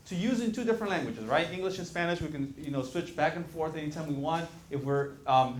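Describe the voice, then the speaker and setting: A man's voice: on the high side, slight background noise. A man teaching a math class who asks students questions and directs them through the work. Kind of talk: classroom instruction. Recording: echoey classroom with faint music.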